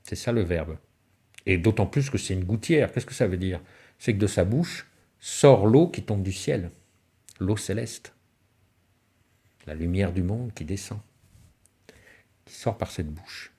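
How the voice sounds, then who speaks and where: A man's voice: low voice, expressive, unhurried, long pauses, mellow, slightly rough. A man giving a spiritual talk on alchemy and symbolism, telling stories with rhetorical questions and sudden rises and falls in his voice. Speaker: lecturer.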